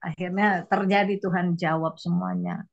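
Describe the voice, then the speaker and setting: A woman's voice: lowish voice, fairly even intonation, moderate pace. An older woman gives a heartfelt testimony to a prayer group, wandering from point to point and slipping into quotes of what others said. The sound is dull and lo-fi, like an online call. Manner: emotional, rambling, quoting others. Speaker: church member giving testimony. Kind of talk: casual spoken testimony.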